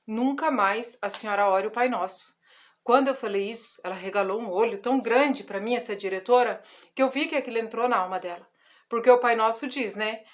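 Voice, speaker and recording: Woman in her forties, vlog testimony, somewhat high voice, emotional storytelling. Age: 40s. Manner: emotional storytelling with quoted dialogue. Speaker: ministry vlogger. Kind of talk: personal testimony.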